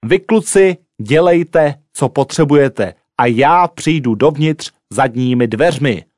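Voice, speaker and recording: A man voicing a calm, confident male police sergeant who gives steady commands. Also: mid-range voice, no room sound, clean studio sound, close to an everyday voice.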